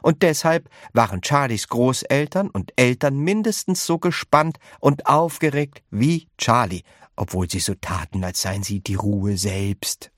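A man reading a children's story aloud in expressive narration. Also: medium pitch, a little slow, dry recording, studio quality. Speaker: audiobook reader.

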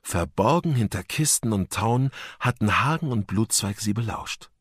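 Husky, expressive storybook narrator man. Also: lowish voice, moderate pace, dry recording, clean studio sound. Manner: lively voicing of characters. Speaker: audiobook narrator.

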